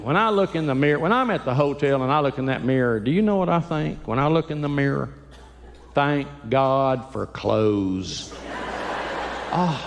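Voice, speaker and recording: A man's voice: a little high, in a large hall, slight background noise. An older man doing stand-up comedy in a church, folksy, teasing the audience and acting out quotes. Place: church sanctuary.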